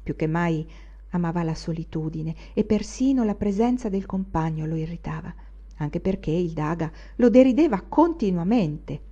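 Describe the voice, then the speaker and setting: Mellow woman reading a novel. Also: on the low side, slightly rough, muffled recording. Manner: measured, expressive reading. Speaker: audiobook reader. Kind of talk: literary audiobook narration.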